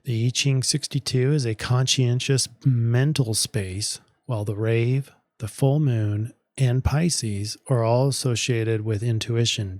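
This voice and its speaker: A man delivering a weekly astrology forecast in a measured, deliberate way, and he is losing his voice. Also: medium pitch, darkish tone, dry recording.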